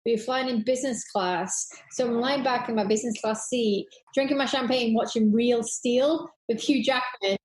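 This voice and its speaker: In a roomy, echoey space, a woman with a fairly high, darkish voice chats casually and enthusiastically. She gushes and rambles from one thought to the next at a normal speed with few pauses.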